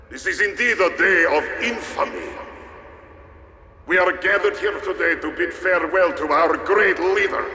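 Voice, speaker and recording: Game villain: vengeful Soviet military leader, pompous and threatening, very slow delivery, heavy reverb with music underneath. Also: male voice, high voice, sharp tone. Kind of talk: dramatic video game villain acting. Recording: echoing hall with long reverb, music behind.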